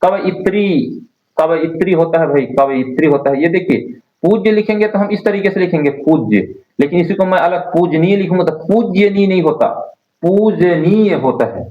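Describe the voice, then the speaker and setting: A man's voice: high voice, a little fast. A male teacher leading an online Hindi spelling class, repeating words and quizzing his students. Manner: drills words by repeating them, asks students questions. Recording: roomy, dull lo-fi sound.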